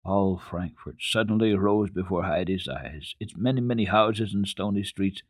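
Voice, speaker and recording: A man with a low-pitched voice narrates children's literature as a radio storyteller. He reads dramatically, expressively and deliberately, with no room sound.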